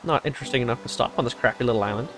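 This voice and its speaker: A man's voice: medium pitch, racing. A young man hosting a casual let's play, rambling through his plans with sarcastic asides and frequent laughs. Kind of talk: casual gameplay chat.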